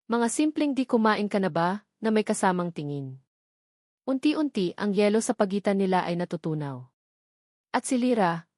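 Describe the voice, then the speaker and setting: Reading a scripted romantic drama, a woman storyteller with a Filipino accent speaks at a medium pitch with a darkish tone. The recording is very dry, with no room sound at all.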